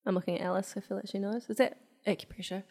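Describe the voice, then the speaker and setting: A woman's voice: medium pitch, fairly even intonation, quick pace, a little mellow. A woman, hosting a podcast in loose, giggly casual chat. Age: 20s. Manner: giggly, loose and chatty, laughs often. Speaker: podcast host.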